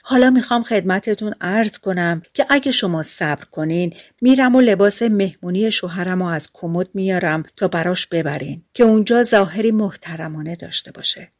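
A woman's voice: lowish voice, hardly any pauses, a little mellow, no echo, studio quality, close to an everyday voice. A woman voicing an earnest, gullible peasant housewife in a storybook fairy tale, speaking eagerly.

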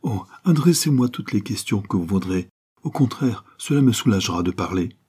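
A man's voice: fairly low pitch, animated, normal speed, dark tone, slightly rough. A man voicing a frail, shaken young man. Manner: trembling, tearful.

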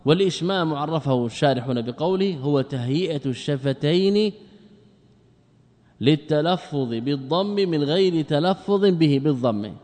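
A man's voice: a little high, expressive, normal speed, darkish tone. Man teaching grammar in a reverberant hall. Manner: asks rhetorical questions and answers them himself; repeats words and drags out example forms. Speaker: sheikh teaching Arabic grammar. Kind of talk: classical grammar lesson.

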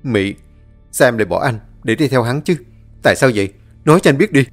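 A man's voice: medium pitch, expressive, a little fast, faint music behind, natural voice. A man voicing a heartbroken young man who pleads and accuses in a raised voice. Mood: desperate.

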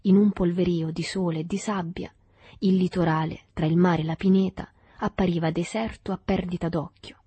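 A woman narrates a literary novel in a calm, measured way, her voice husky and set a little low. The sound is close and dry, with faint music under it. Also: dry recording. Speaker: audiobook reader.

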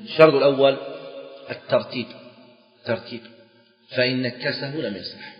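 A man's voice: mid-range voice, normal speed, a little hiss or hum. A man teaching Islamic jurisprudence in a lecture, repeating key phrases for emphasis with sing-song stresses. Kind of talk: classroom lecture explaining a text. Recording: echoey hall, dull lo-fi sound.

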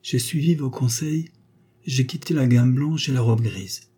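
A man voicing an elegant young woman, speaking earnestly in a raised, soft tone. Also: medium pitch, a little slow, husky, pitched above the performer's own voice.

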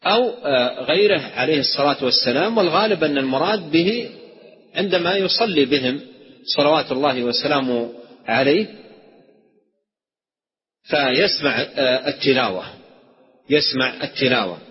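Male religious scholar, lecture on theology, higher pitched voice, dull recording with long hall reverb. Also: expressive, normal speed, pauses often. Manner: explains by repeating phrases and asking questions. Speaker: Islamic scholar teaching a creed text.

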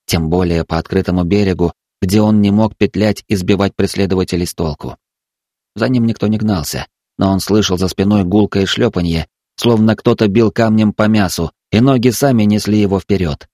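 Male narrator with a low voice, dry close recording, measured dramatic reading. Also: mellow, no echo. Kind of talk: storytelling narration.

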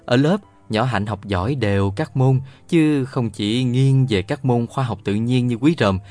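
A man narrating a children's novel aloud in a lively storytelling manner. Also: medium pitch. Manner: lively storytelling, voices all the characters. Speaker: audiobook narrator.

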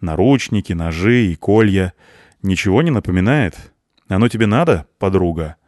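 A man voicing a gruff, snappish young female cleaner in an audiobook. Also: sits low, animated, moderate pace, a little mellow, no room sound, clean studio sound. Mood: angry. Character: grumpy young female cleaner, sharp-tongued.

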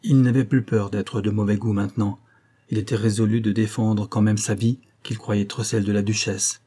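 Low, husky male audiobook narrator. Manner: steady, measured reading. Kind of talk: scripted narration of a novel.

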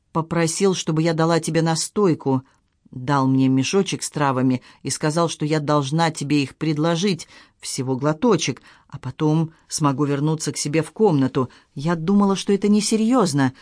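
A man's voice: on the high side, moderate pace, a little mellow, no room sound, studio quality, close to an everyday voice. A man voicing a tearful, guilt-ridden young woman confessing in an audiobook. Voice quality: pleading, sobbing delivery.

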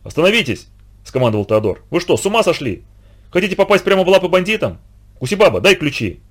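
A man's voice: high-pitched, sing-song, fast talker, voice pushed up. A man voicing a clever young boy who leads and speaks decisively. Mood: commanding. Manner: decisive, commanding.

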